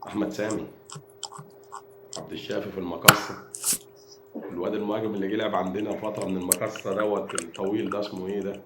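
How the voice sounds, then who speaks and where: A man with an Egyptian accent, ranting to camera as a football fan and mocking rival supporters. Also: lowish voice. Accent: Egyptian Arabic. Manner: taunting, mocking rival fans; rapid, repetitive, animated delivery. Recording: echoey room with background noise.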